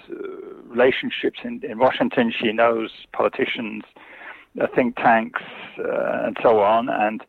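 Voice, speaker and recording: A guest commentator who specializes in China answers interview questions in a medium-pitched voice. The recording is dry but comes through a tinny phone line, and he hesitates often, with many fillers and restarts.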